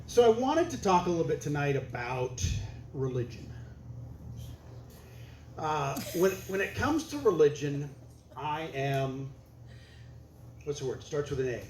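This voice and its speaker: A man's voice: a little high, a little slow, long pauses. A man doing stand-up comedy, telling a story in a dry, conversational, punchy way. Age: older. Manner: deadpan, conversational, punchy delivery. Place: comedy stage before a laughing audience. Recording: echoey club room, faint hiss.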